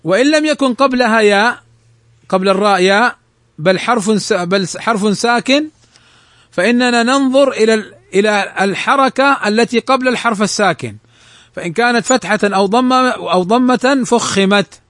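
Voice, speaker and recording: High-voiced man teaching recitation rules. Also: fairly bright tone, dry recording, clean studio sound. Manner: explains step by step, slowly recites and repeats the example words. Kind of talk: lesson on tajweed rules.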